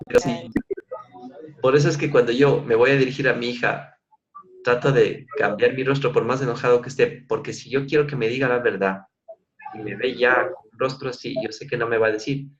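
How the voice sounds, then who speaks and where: A man's voice: mid-range voice, fairly even intonation, fairly quick, dull audio. A middle-aged man leading an online coaching class, explaining and acting out ways of asking questions. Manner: demonstrative, acts out tones of questions. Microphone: video call.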